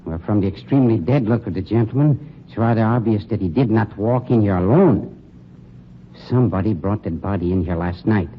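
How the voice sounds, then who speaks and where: This 1940s-style radio drama features an actor as a polished, plotting funeral director belittling his night man. His fairly low voice runs a little fast and is lightly acted; the mood is menacing while the manner stays smooth, condescending and sneering. The recording is old, dull and noisy.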